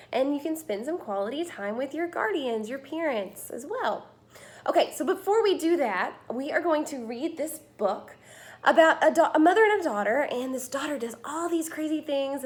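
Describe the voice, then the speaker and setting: A high-voiced woman teacher reads a picture book aloud to children, telling the story expressively and emphatically and drawing out her phrases.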